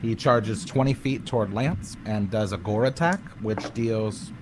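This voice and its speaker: A man narrating a tabletop fantasy game as dungeon master, in a measured, dramatic way. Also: fairly low pitch, noisy background. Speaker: dungeon master in a played clip.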